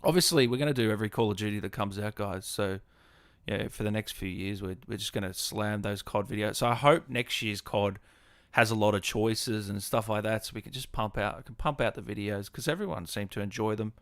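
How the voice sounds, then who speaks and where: A little fast and fairly bright in tone, this man's low-leaning voice comes through without echo. He's an Australian gaming streamer and host, casually chatting with viewers like mates and responding to their comments.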